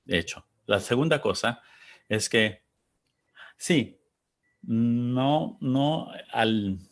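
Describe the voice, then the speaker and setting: A man interpreting an interview aloud, halting and searching for words as he goes. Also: medium pitch, lively intonation.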